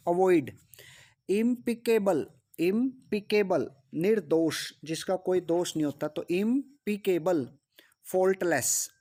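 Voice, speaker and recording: A man teaching English vocabulary in Hindi. He repeats each word and its meaning and asks rhetorical questions as he drills the list. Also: high-pitched. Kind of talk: vocabulary lesson.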